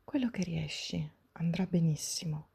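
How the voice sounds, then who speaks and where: A woman softly whispering a guided breathing meditation, gentle and soothing, step by step with long pauses, in a breathy, hushed spa-like voice. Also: low-pitched. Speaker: guided breathing and relaxation instructor.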